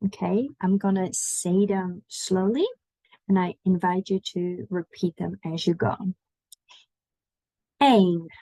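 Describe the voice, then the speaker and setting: Woman, online language tutor, low gravelly voice, slow patient delivery. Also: flat delivery, mellow, dry recording, poor audio. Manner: slow, patient, explaining pronunciation. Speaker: language teacher.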